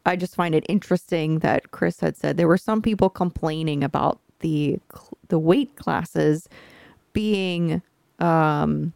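A woman co-hosting a podcast as a coach, chatting and explaining in a lively, conversational way. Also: sits low, a little slow, vocal fry, no echo, studio quality. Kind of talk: casual chat.

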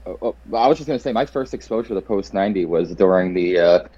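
A man's voice: low-pitched, expressive, quick pace, warm tone. A man co-hosting a fan podcast, chatty and leaning hard on "like", recorded on a dull lo-fi mic. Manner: chatty, heavy use of "like". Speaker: podcast co-host. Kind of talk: casual chat.

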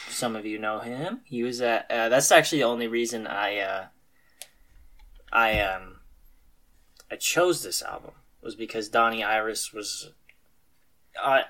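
A man's voice: mid-range voice, measured pace, long pauses, fairly bright tone. A man hosting a casual podcast about classic rock albums, talking loosely with plenty of fillers and restarts. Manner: rambling with many fillers and restarts. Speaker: podcast host.

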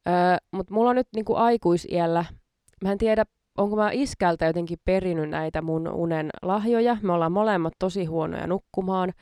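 Chatty woman with a low, smooth voice. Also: dark tone, no echo, studio quality. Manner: laughs often while talking, chatty and self-mocking. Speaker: podcast host. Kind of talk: casual podcast chat.

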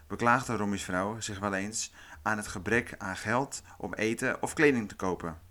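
A man narrates a true-crime podcast from a script, calm and measured. His voice sits in an ordinary middle pitch. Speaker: podcast host.

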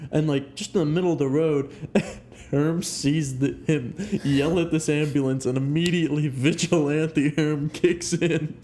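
A young man co-hosting a casual podcast, telling animated stories and acting out quotes with loud laughter. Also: on the high side, slight background noise. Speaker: podcast co-host. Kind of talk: casual chat.

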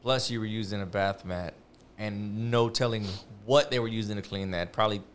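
A man's voice: lowish voice, fairly even intonation, moderate pace, slight background noise. A man who runs a refinishing business, chatting on a podcast with short, blunt remarks. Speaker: bathtub refinishing business owner. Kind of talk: casual podcast chat.

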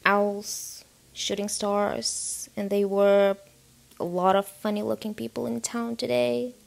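A woman's voice: mid-range voice, little pitch movement, slow pace, gravelly. A woman doing a nervous, mumbling husband. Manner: hesitant, mumbling. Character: nervous, stiff middle-aged English husband.

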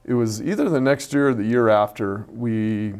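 A man's voice: medium pitch, normal speed, a little mellow. A middle-aged man and former coach co-hosting a casual podcast, playful and teasing as he tells stories.

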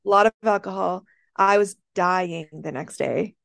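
A woman co-hosting a podcast, telling an animated story in casual chat and laughing often. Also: lowish voice, measured pace, gravelly, dry recording, clean studio sound. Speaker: podcast co-host.

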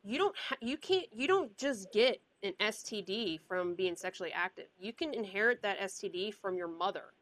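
A woman's voice: mid-range voice, lively intonation, moderate pace, few pauses, fairly bright tone, no room sound, low-quality recording. Frank young woman giving blunt advice. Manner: frank, advice-giving, loses her train of thought. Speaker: podcast host. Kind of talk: casual chat.

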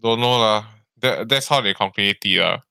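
A man's voice: lowish voice, a little fast, gravelly, pushed and bright, smooth, dry recording. A man in casual podcast chat, rambling and tagging sentences with "lah". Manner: rambling, frequent "lah" and "ah" tags, swears. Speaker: podcast co-host.

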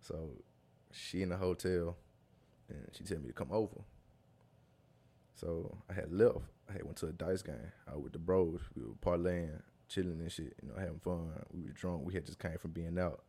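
Young male guest, very deep voice, slangy and loose, laughs through his stories. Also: steady tone, moderate pace, warm tone. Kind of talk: casual storytelling chat.

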